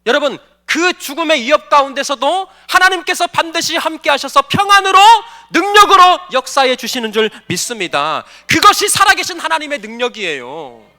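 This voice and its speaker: A man's voice: extremely high pitch, very animated, moderate pace, hardly any pauses, bright, forceful tone. A man preaching a Sunday sermon as pastor, emphatic and questioning the congregation directly. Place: church sanctuary.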